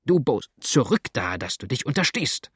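Man putting on a gruff, cursing frontier settler. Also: fairly low pitch, expressive, unhurried, no room sound, studio quality. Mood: furious. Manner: cursing, shouting at dogs. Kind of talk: audiobook character voice.

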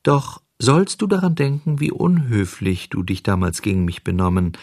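Man voices storybook cricket: small, wise, high-pitched, prim and scolding. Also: big pitch swings, moderate pace, darkish tone, breathy edge, no room sound, clean studio sound, exaggerated voice. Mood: reproachful. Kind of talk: audiobook character voice.

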